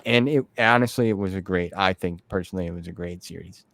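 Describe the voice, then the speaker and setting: Low-pitched and gravelly yet fairly bright, this man talks fast in an echo-free recording. As host of a casual interview, he rambles informally and leans on slang like "man" and "dude."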